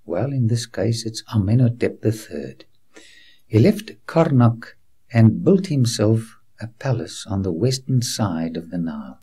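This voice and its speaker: A man's voice: lowish voice, lively intonation, a little slow, warm tone, breathy edge. A man presenting a documentary in scripted narration, breaking off to preach and speaking straight to the viewer as a friend, earnest and reassuring. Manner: guides the viewer like a tour guide on location.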